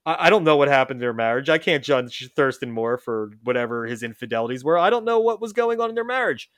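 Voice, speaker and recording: A man's voice: medium pitch, animated, fast talker, fairly bright tone, no room sound, clean studio sound. A man hosting a casual music chat, rambling and often correcting himself mid-sentence. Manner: rambling, self-correcting, lots of restarts. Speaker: podcast host.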